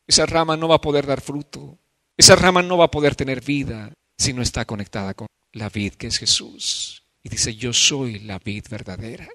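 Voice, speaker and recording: Impassioned male pastor, bright voice. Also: mid-range voice, no echo. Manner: impassioned, shifting from soft to loud. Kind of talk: sermon.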